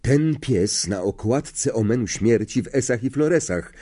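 A man narrating an audiobook in an expressive storytelling manner. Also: medium pitch, measured pace.

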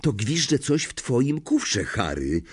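A man's voice: medium pitch, big pitch swings, slow pace, husky, voice pushed up, exaggerated voice. A man voicing a nervous, jittery teenage schoolboy wizard in an audiobook reading, often stumbling over his words. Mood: alert. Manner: nervous, stammering.

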